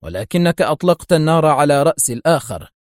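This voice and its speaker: A man's voice: on the high side, very animated, fast, no echo, clean studio sound. A man voicing an eager young male agent protégé in an audiobook, seeking approval.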